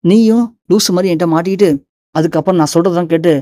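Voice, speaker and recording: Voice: mid-range voice, very fast, dark tone, no room sound, close to an everyday voice. A narrator voicing a scheming middle-aged man who gloats with contempt. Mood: gloating.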